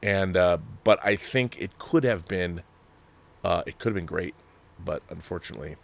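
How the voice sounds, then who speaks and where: With a low, gravelly voice, the host of a film discussion show rambles through emphatic opinions in casual commentary and reads viewer letters, frequently stopping mid-sentence to rephrase.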